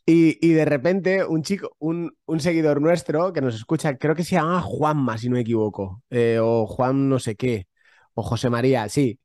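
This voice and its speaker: Animated storytelling podcast man. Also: mid-range voice, no room sound, studio quality. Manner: animated anecdote teller, quick bursts. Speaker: podcast co-host.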